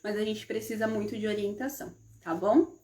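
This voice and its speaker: A woman's voice: mid-range voice, a little fast, mellow. A woman hosting a live stream, telling stories from her own working life in a casual, chatty way, often checking in with her listeners and acting out the dialogue. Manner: chatty, often adds "né?" and addresses the audience as "gente". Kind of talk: casual personal storytelling.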